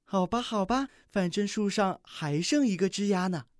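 A kind young deer from a children's storybook speaks softly and gently, as a reader puts him on. He gives in easily and sounds warm-hearted, with a lively, rising voice. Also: mid-range voice, normal speed, dry recording, studio quality, pitched above the performer's own voice, natural voice. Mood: gentle. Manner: gentle, yielding. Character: kind, playful young deer posing as a tree.

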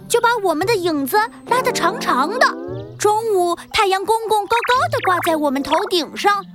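A friendly young cartoon animal with a very high, childlike voice. It sounds bubbly and cheerful, set over clear music in a children's audio story. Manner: bubbly, exclamatory.

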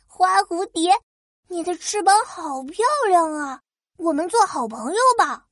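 A woman's voice: very high voice, expressive, unhurried, dry recording, clean studio sound, pitched above the performer's own voice. A woman voicing a playful, stubborn little child who whines to keep playing in a children's story. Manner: whiny, bouncy.

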